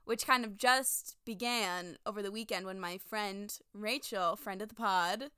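A woman's voice: medium pitch, unhurried, bright, forceful tone, smooth, no room sound, clean studio sound. A woman co-hosting a podcast, chatting enthusiastically and giggling often. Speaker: podcast co-host. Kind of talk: casual chat.

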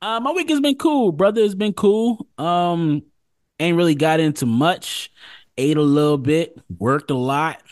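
Male co-host, lively swooping delivery, hype-man energy, dry close recording. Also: on the high side, a little slow, dry recording. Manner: animated, hype interjections, laughs often. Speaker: podcast co-host. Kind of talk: casual podcast chat.

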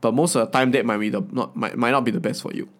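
A man's voice: mid-range voice, racing. A young man with a Singaporean accent, chatting and advising in colloquial Singlish, tagging phrases with ah, right and okay. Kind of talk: casual advice chat.

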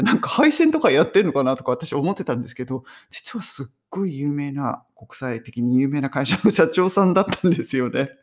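A Japanese woman teaching English phrases in a chatty, animated way, mixing in personal stories. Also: fairly low pitch. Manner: chatty, animated storytelling with laughs. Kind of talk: casual English lesson.

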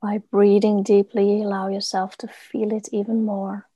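Slow, soothing, murmuring woman guiding meditation. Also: mid-range voice, little pitch movement, dry recording, dull audio. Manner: soothing, gentle massage-like murmur with pauses. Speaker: guided meditation teacher. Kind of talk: guided body meditation, soft instruction.

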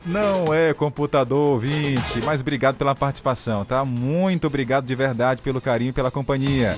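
A man's voice: mid-range voice, fairly quick. A Brazilian man hosting a live call-in quiz show on the radio, teasing callers playfully from a studio microphone. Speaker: radio host. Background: background music.

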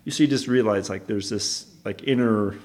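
A man's voice: fairly low pitch, normal speed, a little mellow. A young man co-hosting a podcast, talking in a casual, rambling way with many restarts. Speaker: podcast co-host. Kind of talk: casual chat.

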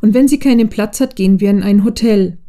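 A woman reading a secretive young man's lines in her own mellow voice, calm and dryly teasing. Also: mid-range voice, fairly quick, lightly acted.

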